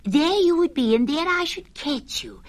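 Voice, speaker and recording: A woman voicing a small, timid male piglet in a high, fussy voice. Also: lively intonation, moderate pace. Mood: bossy.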